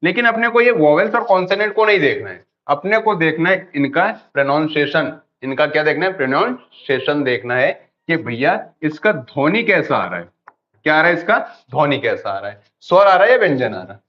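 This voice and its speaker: Hindi-speaking teacher who quizzes himself aloud. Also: male voice, a little high, lively intonation, fairly quick. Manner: repeats questions and answers them himself. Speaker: English grammar teacher. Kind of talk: online class lecture. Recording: dull lo-fi audio.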